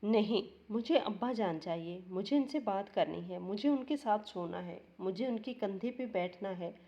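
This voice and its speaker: Little boy voice from a woman narrator, plaintive and mellow, dull lo-fi audio. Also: medium pitch, normal speed, close to an everyday voice. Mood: pleading. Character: small boy, innocent and sad.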